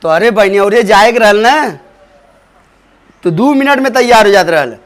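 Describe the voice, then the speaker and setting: A man's voice: high voice, normal speed, lightly acted. A man with a Bhojpuri accent acting an impatient, harried husband in a comedy sketch, scolding and exasperated.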